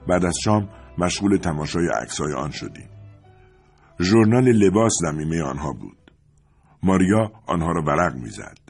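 A man reading a novel aloud as a narrator, in measured, expressive storytelling. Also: low voice, slightly rough, faint music behind.

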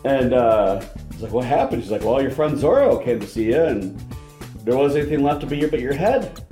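A man's voice: medium pitch, brisk, faint music behind. A man co-hosting a podcast, chatting casually about a movie and acting out quotes as he retells scenes. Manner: animated retelling, acts out quotes. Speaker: podcast co-host. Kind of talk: casual movie review chat. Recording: roomy echo.

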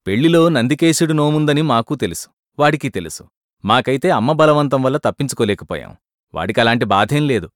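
A man's voice: mid-range voice, animated, fairly quick, no room sound, clean studio sound, close to an everyday voice. A man voicing an earnest young husband who is suspicious but polite, speaking in a pleading way during a storybook reading.

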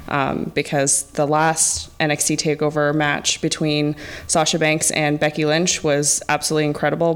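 A woman's voice: low-pitched, smooth. A woman co-hosting a podcast in an echoey room, chatting casually about wrestling. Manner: giggly, nervous. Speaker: podcast co-host.

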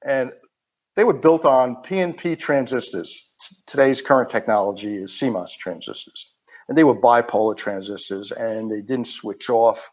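An older man from New York with a Queens accent, explaining technical matters informally as a guest, haltingly and with digressions. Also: medium pitch. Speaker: interview guest. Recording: dull, band-limited audio.

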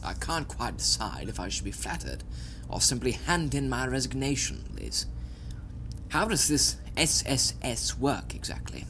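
An actor playing an urbane, sceptical male scientific adviser in an audio drama, with a wry, deliberate, theatrical delivery. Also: medium pitch, huge pitch swings, vocal fry, background noise, heavily acted. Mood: wry, doubtful.

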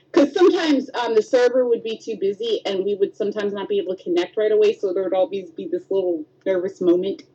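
This thirties-aged podcast co-host has a mellow, husky mid-range voice and a fast pace. She's a chatty storyteller who acts out quotes with squeals during casual conversation, all captured in dull, lo-fi audio.

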